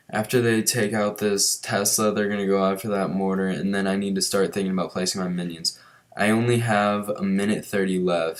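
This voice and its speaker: A young man casually commenting on his strategy-game raids, chatty and relaxed as he explains each move. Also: low-pitched. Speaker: gaming commentator.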